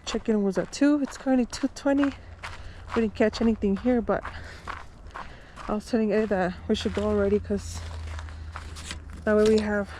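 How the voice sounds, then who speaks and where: A woman hosting a casual camping vlog outdoors by lakes and creeks, relaxed and chatty. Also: mid-range voice, moderate pace, long pauses, rough recording. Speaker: vlogger, camping host. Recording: outdoor background noise.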